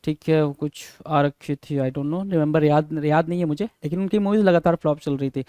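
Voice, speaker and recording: A man with a high, smooth and resonant voice teaches English idioms for an exam-prep lesson. He switches between Hindi and English and drills each phrase slowly. The sound is dry and close. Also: fairly even intonation, mellow, no room sound. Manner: asks rhetorical questions to students.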